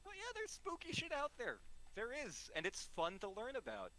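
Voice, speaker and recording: High-pitched, very animated man bantering. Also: normal speed, a little hiss or hum. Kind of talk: casual banter.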